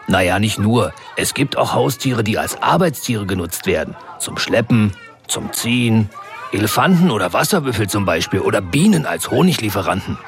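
A man playing an even-tempered explainer in a children's radio comedy. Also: on the low side, normal speed. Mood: explaining. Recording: noticeable background noise.

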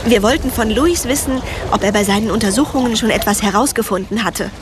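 A woman's voice: on the high side, fast, background noise, close to an everyday voice. An actress voicing a teenage girl who narrates her own story in a wry, dry tone in a cartoon dub. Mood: narrating.

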